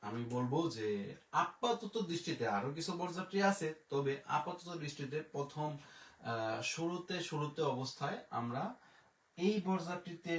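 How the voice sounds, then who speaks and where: A man teaching French in a live online lesson, spelling words letter by letter and repeating each one slowly, speaking from a distance as he writes on a board. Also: medium pitch. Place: room, writing on a board away from the mic. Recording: roomy echo, voice from far off.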